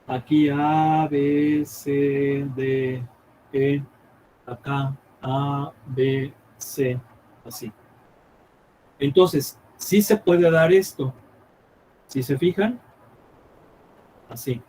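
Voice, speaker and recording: A man teaching a math class live, thinking aloud as he draws on the board and checking often with quick questions whether the students follow. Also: mid-range voice, steady tone, mellow, slight background noise, poor audio.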